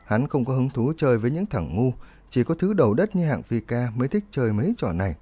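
A man narrating a story in an expressive, animated reading style. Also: medium pitch, quick pace, husky. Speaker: audiobook narrator.

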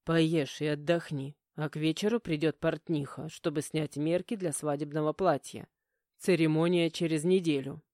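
A woman reading an audiobook, voicing a calm, cold, domineering young man who speaks in curt, commanding lines. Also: low voice, normal speed, no echo, clean studio sound, lightly acted.

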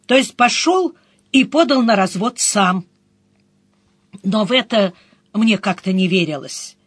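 A woman's voice: fairly high pitch, husky, dry recording. A woman reading a first-person story aloud in a dry, ironic storytelling manner. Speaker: audiobook narrator. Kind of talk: scripted first-person narration.

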